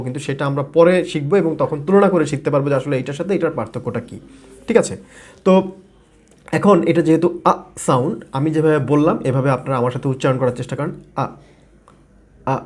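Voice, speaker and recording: A man's voice: fairly high pitch, darkish tone. A man from Bangladesh, a native Bengali speaker, teaching English pronunciation in a video lesson, repeating and modeling words with frequent fillers.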